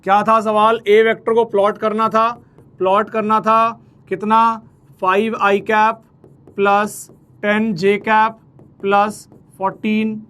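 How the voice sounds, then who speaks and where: High-voiced man teaching math playfully. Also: level tone, slow pace, a bit bright, clean tone. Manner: chatty, playful, talks to students as "bhai"; counts steps aloud while drawing. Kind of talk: casual Hinglish math lecture.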